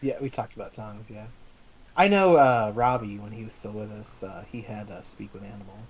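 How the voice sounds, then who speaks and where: A man's voice: on the low side, brisk, slightly rough, rough recording. A man playing a tabletop game in casual chat, hesitant and full of "uh"s. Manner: hesitant, many "uh"s. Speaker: player.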